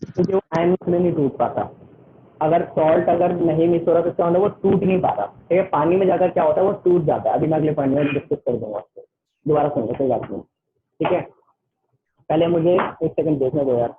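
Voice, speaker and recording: A man's voice: fairly high pitch, fairly quick. A young man with a Hindi accent teaching an online class from home, chatty and joking with his students. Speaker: tutor. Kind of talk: casual online class lecture. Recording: tinny phone-like line with faint noise.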